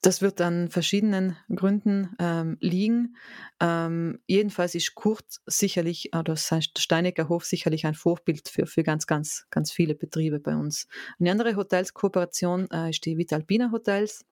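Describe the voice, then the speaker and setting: A South Tyrolean woman in her thirties chats as an interview guest with a South Tyrolean German accent. Her voice sits fairly low, and she hesitates a lot, circling back with fillers and restarts. The recording is dry and close. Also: fairly even intonation, normal speed, a little mellow, no echo. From South Tyrol, Italy. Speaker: guest, head of a bike hotel association. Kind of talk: casual interview talk.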